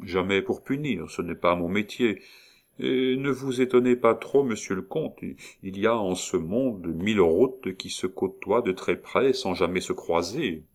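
A man reading as a grave doctor at a sickbed, deep-voiced and unhurried. He probes gently with low, soothing questions, read aloud from a storybook. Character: calm, grave male doctor, gently probing.

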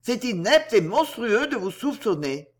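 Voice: medium pitch, big pitch swings, a little slow, voice pushed up. A reader voicing a young man in love, speaking ardently and emphatically.

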